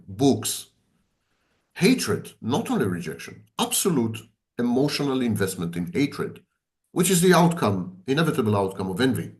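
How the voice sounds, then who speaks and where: Emphatic man, lively pitch. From Israel. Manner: emphatic, repetitive, sardonic. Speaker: psychology expert. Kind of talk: conversational lecture.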